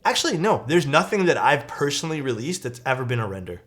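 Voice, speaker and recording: A young Canadian man hosts a livestream from his room at home, reading chat messages and chatting casually. He's excitable and rambling, says "like" and "dude" a lot, and talks fast at a medium pitch over background music.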